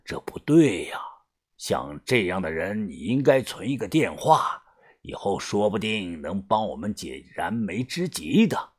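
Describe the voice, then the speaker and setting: A man doing a grave, husky old gang boss. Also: very animated, full character voice. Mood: exasperated. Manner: low, slow, hushed and deliberate. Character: weary older male gang boss, grave.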